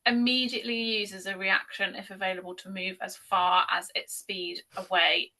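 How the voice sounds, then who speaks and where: A woman's voice: mid-range voice, flat delivery, normal speed, pushed and bright, low-quality recording. A woman player in a tabletop game who describes her moves hesitantly.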